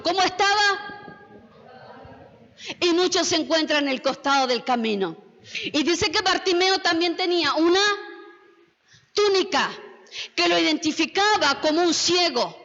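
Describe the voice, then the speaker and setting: A woman pastor with an Argentine Spanish accent, preaching a sermon full of rhetorical questions that rises to shouts. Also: very high voice. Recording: muffled sound with long hall reverb.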